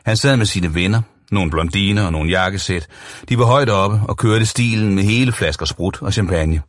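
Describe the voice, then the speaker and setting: A man narrating a novel as an audiobook, in steady, even storytelling. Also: low voice, dry recording, clean studio sound.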